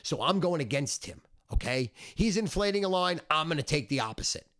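A middle-aged or older man ranting a sales pitch as a sports betting handicapper, smug, cocky, brash and foul-mouthed, with heavy emphasis. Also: expressive, fairly quick, fairly bright tone.

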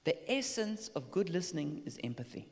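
A man preaching a sermon in short phrases that wait for an interpreter, acting out quoted replies with lively voices. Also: a little high, normal speed, vocal fry. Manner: animated, acts out quoted replies. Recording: long hall reverb.

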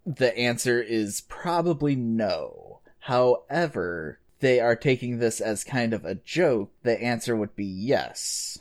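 A man on a game show panel thinking out loud and laughing over a video call. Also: mid-range voice, very animated, takes it slowly, hardly any pauses. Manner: deliberating aloud, laughing.

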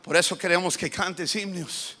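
A high-pitched, bright male preacher. He moves between Spanish and English mid-sentence, lecturing young listeners and building to loud, forceful shouts. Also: steady tone, normal speed. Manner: switches between Spanish and English, shouts for emphasis, mimics voices. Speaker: pastor. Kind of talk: sermon.

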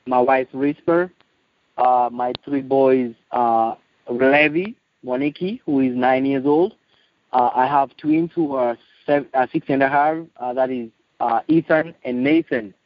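A man in his late thirties with a Kenyan accent, giving a personal testimony in a halting, earnest way. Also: medium pitch, steady tone. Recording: muffled, echoey lo-fi phone call.

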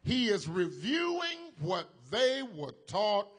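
Slow, emphatic high-voiced male preacher. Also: big pitch swings, slightly rough. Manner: slow, emphatic preaching with call-and-response to the congregation. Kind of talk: sermon.

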